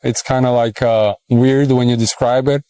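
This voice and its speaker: A Serbian-accented man in his thirties talks casually, pausing often and filling gaps as he thinks aloud. His voice is smooth and resonant at a middling pitch. The sound is dry and close. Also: steady tone, mellow, no echo. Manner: hesitant, many fillers, thinks aloud. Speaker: interviewee. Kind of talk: casual street interview.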